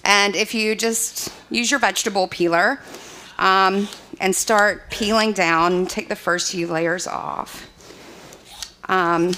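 A woman's voice: mid-range voice, pushed and bright, slight background noise. A young adult woman chef, giving a live cooking demonstration in a chatty way with many fillers. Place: open screened dining hall.

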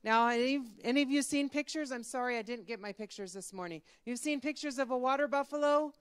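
Animated woman telling children a story. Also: sits high, fast talker, clear, resonant tone, dry recording, clean studio sound. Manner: warm, animated, asks the children questions. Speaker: children's talk leader.

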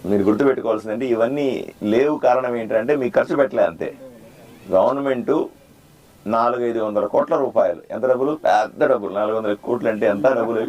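A man, a doctor running for office, giving a repetitive, plain-spoken campaign speech that quizzes the crowd and demands loud answers. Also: mid-range voice, fast, dull audio. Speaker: political candidate and doctor. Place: outdoor neighborhood gathering.

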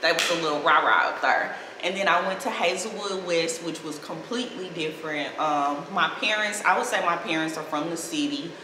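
A woman in her thirties with a St. Louis American accent and a slightly low voice chats to camera in a slangy, playful way. She sounds like a vlogger recording in a reverberant room, with clear noise around her voice. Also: a little fast, hardly any pauses. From St. Louis, Missouri, USA. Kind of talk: casual chat to camera. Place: small indoor living room, seated on sofa.

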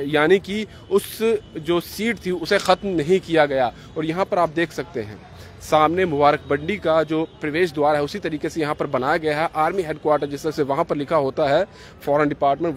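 Holding a handheld reporter's mic beside a road by a gate and flyover, a man gives an unscripted live report to camera. He sounds a little high and talks in a wordy, repetitive way while vehicles and street noise carry on around him.

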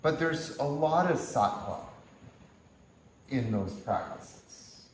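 A man giving a workshop-style yoga lecture in a gentle, unhurried way, with frequent chuckles. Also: mid-range voice, lively intonation, recorded from a distance, slight background noise. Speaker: yoga teacher. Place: teaching hall at a yoga retreat center. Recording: echoey room.

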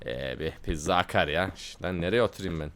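A man's voice: low-pitched, a little fast, fairly bright tone, slight background noise. A young man hosting a game video, joking, laughing often and translating lines aloud in casual commentary. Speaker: gaming video host. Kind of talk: casual let's-play commentary.

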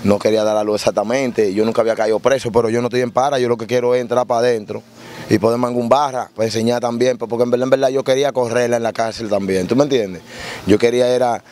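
A man's voice: medium pitch, quick pace. A man, recounting his life on the street and in prison in a casual interview, acting out voices as he tells it. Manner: animated storyteller, acts out voices in his tales.

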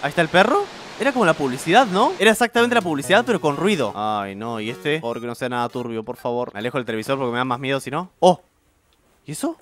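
A man's voice: medium pitch, lively intonation, quick pace, a bit bright, slight background noise. A young man with a Rioplatense Spanish accent commenting nervously on a horror game, yelping at the scares. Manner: jumpy, nervous, yelps at scares. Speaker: gameplay streamer.

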